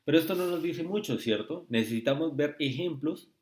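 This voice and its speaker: A man's voice: on the high side, expressive, a little mellow. Man tutoring logic, step by step. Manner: slow, repetitive, asks rhetorical checks. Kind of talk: screen-recorded video lesson.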